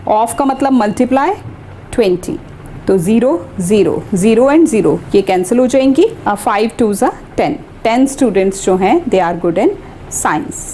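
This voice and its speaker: Lady teaching math, slow and careful, warm voice, bit of faint hiss behind. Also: fairly high pitch, expressive. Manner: slow, deliberate explaining, mixing English terms into Hindi. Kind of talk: step-by-step classroom lesson.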